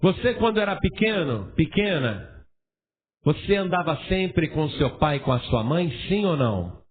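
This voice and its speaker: Male pastor, animated sermon full of rhetorical questions, higher voice with lots of swing, tinny phone-like audio. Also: normal speed, breathy edge.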